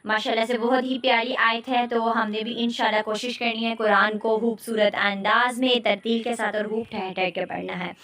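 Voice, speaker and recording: Pakistani woman, online recitation teacher, patient explainer, slightly high voice. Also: steady tone, few pauses, fairly bright tone. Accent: Pakistani Urdu. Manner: explains patiently, often checks in with "ٹھیک ہے؟". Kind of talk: online lecture.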